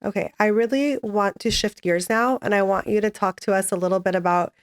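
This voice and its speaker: A woman's voice: medium pitch, steady tone, a little fast, clear, resonant tone. Woman hosting a podcast, friendly prompting questions, medium voice. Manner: encouraging, conversational prompts. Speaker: podcast host. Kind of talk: interviewing a guest.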